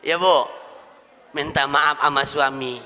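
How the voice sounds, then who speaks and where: Jokey preacher with a bright voice. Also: male voice, on the high side, takes it slowly, long reverb tail, a little hiss or hum. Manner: jokey, animated, with loud emphatic bursts. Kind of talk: humorous sermon. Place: mosque hall.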